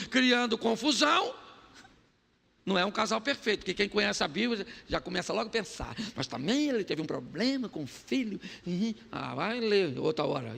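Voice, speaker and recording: Brazilian pastor, high gravelly voice, storytelling sermon, long hall reverb. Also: male voice. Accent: Brazilian Portuguese. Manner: animated storytelling, acts out quoted voices. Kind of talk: comedic sermon.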